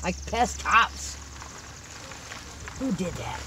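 A woman, chatting excitedly and swearing while filming an abandoned site on her phone. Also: mid-range voice, drawn-out words. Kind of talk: casual chat while exploring. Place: outdoors by abandoned buildings and in a car. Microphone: handheld phone. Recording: noisy outdoor phone recording.

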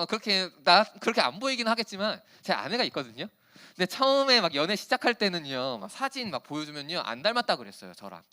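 Lively, animated young pastor. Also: male voice, high-pitched. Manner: animated, teasing the teens in casual speech. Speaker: youth pastor. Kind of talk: youth sermon. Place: church hall.

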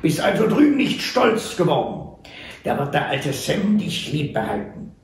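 A man's voice: fairly high pitch, sing-song, unhurried, a little hiss or hum. A man reading aloud and voicing a small, wily old trapper who talks in clipped, folksy phrases. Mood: jovial. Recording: echoey room.

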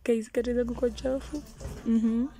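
This Kenyan-accented woman, a vlogger, talks playfully through a chore and switches languages mid-sentence. She has a fairly high voice, a flat delivery and a moderate pace, in a very noisy recording with clicking and water sounds in the background.

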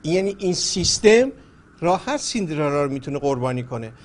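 Persian talk show host with a raised voice. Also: male voice, a little high, sing-song.

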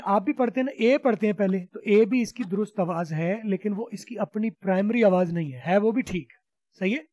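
A man's voice: high-pitched, dark tone, dry recording. A man teaching spoken English in an online class, patiently explaining and repeating sounds for students to copy. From Pakistan. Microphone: video call.

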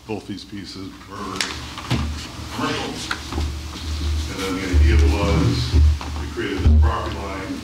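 A middle-aged man presenting a site plan at a public meeting, halting with fillers and restarts, recorded from far across a large town hall room. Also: on the low side, flat delivery, over loud music. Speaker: applicant's representative. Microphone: far camera. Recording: echoey hall from far off, loud noise.

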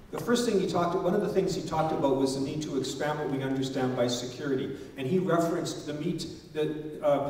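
A man's voice: fairly high pitch, darkish tone. A middle-aged man speaking earnestly and emphatically at a public forum, often restarting his sentences. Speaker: panelist at a public consultation. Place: large church hall. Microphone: stand mic, filmed by a far camera. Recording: echoey hall, voice picked up from far off, faint noise.

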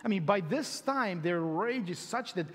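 A male pastor preaching a sermon, animated and acting out quotes with sudden loud exclamations, recorded in a church sanctuary. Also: sits high, a little slow. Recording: church hall reverb.

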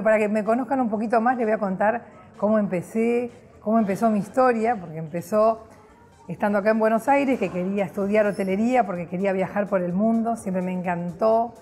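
A woman's voice: mid-range voice, a little mellow. A middle-aged woman from Argentina with an Argentine accent, cheerfully recounting her career in a chatty way, seated in a hotel lobby. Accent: Argentine Spanish. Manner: cheerful, chatty, with many fillers. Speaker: guest, public relations professional. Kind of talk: personal storytelling to camera.

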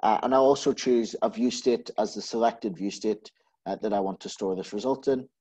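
A man giving a methodical screen-share software walkthrough, explaining each step with frequent filler sounds. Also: on the low side, steady tone, normal speed, slightly rough, muffled recording. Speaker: solutions architect giving a software demo.

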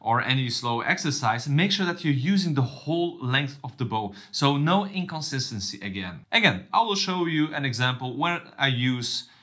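A man teaching a cello lesson, speaking directly and warmly to viewers, calling them his friends, with slightly unusual English phrasing. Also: mid-range voice, animated, moderate pace, few pauses. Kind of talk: instructional video lesson.

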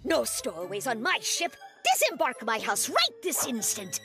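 Bossy, wildly swooping cartoon captain mom. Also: female voice, fairly high pitch, wildly swooping pitch, normal speed. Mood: indignant, bossy. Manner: commanding, theatrical, scolding. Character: bossy, blustering houseboat captain mother with pirate lingo. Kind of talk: animated cartoon dub acting. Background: background music.

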